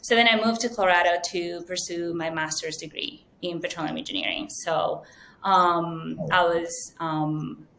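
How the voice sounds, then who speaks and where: Woman guest, low pitch, earnest interview tone, faint background rumble. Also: steady tone, normal speed, fairly bright tone. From Venezuela. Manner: fluent, earnest, many ums. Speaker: guest, data science manager. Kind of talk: interview answers.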